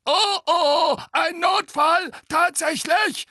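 Shrill stone gargoyle, super high and shouty, jeering, dry audiobook sound. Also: male voice, slow, no echo, full character voice. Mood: mocking. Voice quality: shrill, sneering.

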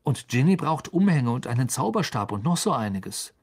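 A man's voice: medium pitch, very animated, darkish tone, slightly rough. A man voicing a cheeky, teasing teenage wizard boy in a storybook. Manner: teasing, quick and mocking.

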